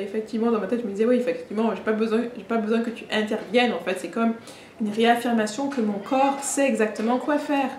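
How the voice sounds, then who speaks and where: A young adult woman retelling a personal story in a vlog, halting, with many fillers and restarts. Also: on the high side, a little mellow. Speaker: vlogger. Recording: echoey room with faint ambient noise.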